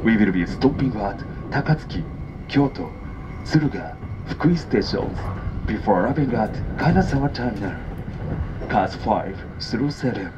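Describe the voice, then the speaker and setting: A male train conductor with a Japanese accent gives formal onboard announcements in clipped, measured segments. His pace is unhurried, and he comes through a dull public-address speaker with loud train noise all around. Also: on the low side. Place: inside a moving express train, over the speakers. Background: loud train running noise.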